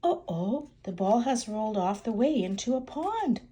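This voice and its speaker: A woman's voice: on the high side, very animated, moderate pace, dark tone. An older woman reading a picture book aloud as a grandmother, expressively, with chatty asides to young children. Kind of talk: warm storybook read-aloud with chatty asides.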